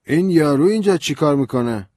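A man's voice: on the high side, animated, dark tone, no echo, clean studio sound, voice pushed up. A man voicing a drunk, hostile middle-aged lawyer who talks bluntly and distrustfully. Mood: suspicious.

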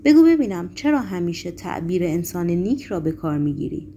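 A woman's voice: lowish voice, very animated, warm tone, a little hiss or hum. A woman reading the part of a stern middle-aged male Roman governor, with a harsh, broken voice and cold, mocking questions.

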